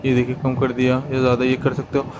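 A man's voice: mid-range voice, monotone, quick pace, background noise. A man giving a casual how-to product demo, chatty and explanatory, talking straight to his viewers. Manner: chatty and explanatory, often addresses the viewers as guys. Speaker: product reviewer.

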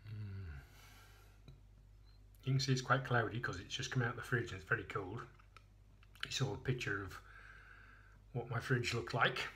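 A man's voice: lowish voice, normal speed, long pauses, bright, forceful tone. An Englishman chatting casually through a beer tasting, rambling and poking fun at himself, recorded as a handheld phone video indoors. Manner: chatty, rambling, self-mocking. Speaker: beer reviewer.

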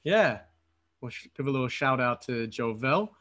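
A man's voice: medium pitch, expressive, moderate pace, a bit bright. A man in his thirties from Philadelphia, hosting a podcast over a video call and talking eagerly in long runs with some fillers. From Philadelphia, United States. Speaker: podcast host. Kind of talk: casual podcast interview. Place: apartment room, video call. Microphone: headset.

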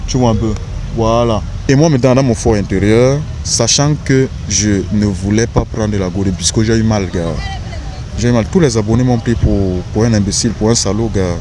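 A man's voice: lowish voice, moderate pace. A young man, talking in slangy, emphatic street style on a park bench. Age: young adult. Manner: slangy, emphatic, keeps saying "bro". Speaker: interviewee, content creator. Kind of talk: casual outdoor interview. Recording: faint outdoor street noise.

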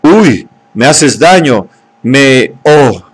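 A man's voice: sing-song, measured pace. A man reading an audiobook aloud and voicing a young woman, amorous at first and then terrified, in a raised, pleading voice. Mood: frightened. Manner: higher, louder pleading voice.

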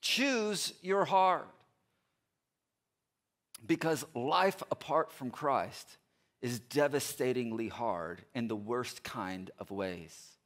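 A middle-aged man preaching a sermon from a large indoor church stage through a headset mic. He talks with earnest emphasis and repeats his key phrases, pressing hard at times and softening into quiet appeals at others. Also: medium pitch, animated, slow pace. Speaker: pastor.

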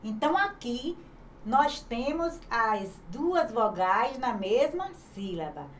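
A woman's voice: on the high side, sing-song, a little hiss or hum. A woman with a Brazilian accent teaching an online grammar lesson to children, sounding words out syllable by syllable and asking questions she answers herself. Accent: Brazilian Portuguese. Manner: slow, patient, spelling words out syllable by syllable; asks the class questions and answers them herself. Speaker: primary school teacher.

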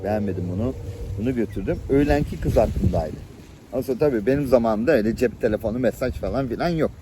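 A middle-aged man telling personal stories to the camera in a lively, chatty way, chuckling now and then and acting out the people in them. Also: medium pitch, fast talker, background noise. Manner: lively anecdotal storytelling, chuckles and acts out voices. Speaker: channel host. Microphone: camera-facing, showing viewers things on screen.

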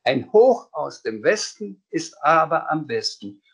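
A man voicing the Sams, a cheeky childlike creature who speaks in rhymes, in a high sing-song voice. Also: big pitch swings, measured pace, vocal fry, fairly bright tone, slightly rough, full character voice. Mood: singend reimend. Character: frecher, kindlicher Sams, reimt ständig.

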